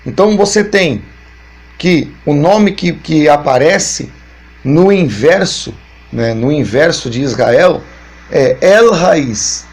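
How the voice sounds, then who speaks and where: Fairly high-pitched, animated, and darkish in tone, a Brazilian Portuguese–accented pastor teaches a Bible lesson. He goes step by step, speaks slowly, keeps restating his points, and fills pauses often.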